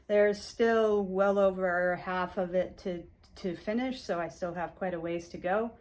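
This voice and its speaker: A cross-stitch vlogger whose first language is Hungarian casually shows off her stitching projects in a rambling show-and-tell, full of fillers and restarts. Her voice is fairly low and a little mellow.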